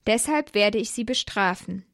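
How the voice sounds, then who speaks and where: A woman voicing God in a storybook, with a solemn, unhurried voice that sounds set back and distant. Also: mid-range voice, animated, fairly bright tone, no echo, clean studio sound. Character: God, a calling voice from afar.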